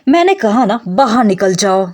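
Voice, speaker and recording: A woman's voice: medium pitch, very animated, normal speed. A woman voicing an exasperated young noblewoman in a storybook-style recap, speaking sharply. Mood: angry. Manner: sharp, irritated.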